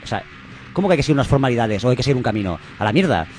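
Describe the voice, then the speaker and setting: A man co-hosting a comedy radio show, reading out a news story with quick, sardonic, deadpan asides. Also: medium pitch, faint music behind.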